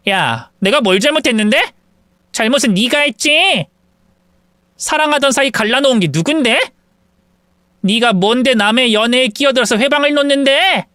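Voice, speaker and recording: A woman's voice: high-pitched, fairly bright tone, dry recording, clean studio sound. A woman voicing a vindictive young woman who smugly taunts her former friend over the phone in a drama story. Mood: indignant. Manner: taunting, smug, cruel. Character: gloating vindictive young woman, husband-stealer. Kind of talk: acted phone quarrel in a story video.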